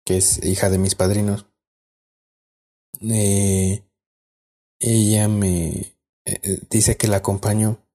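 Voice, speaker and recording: A man's voice: lowish voice, dark tone. A man with a Mexican accent, telling a spooky personal story in casual, rambling podcast chat with lots of fillers. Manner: rambling with many fillers and restarts. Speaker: podcast co-host.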